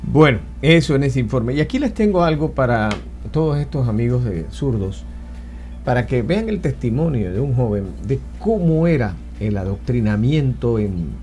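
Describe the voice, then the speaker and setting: A man hosting a political commentary show in an animated, opinionated way. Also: medium pitch, moderate pace, faint music behind. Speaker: host.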